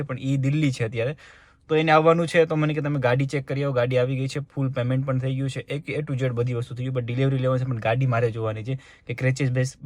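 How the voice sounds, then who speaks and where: Young male vlogger, rapid and chatty, talking straight to viewers. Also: medium pitch. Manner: chatty, addresses viewers directly. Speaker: family vlogger. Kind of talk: casual vlog talk to viewers.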